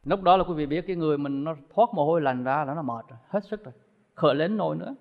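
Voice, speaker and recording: A man giving a Buddhist sermon to an audience, with lively, emphatic rises and falls in his voice. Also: fairly high pitch, fast talker, gravelly. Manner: lively, rising and falling emphatic delivery. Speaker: Buddhist teacher. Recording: dull lo-fi recording in a reverberant hall.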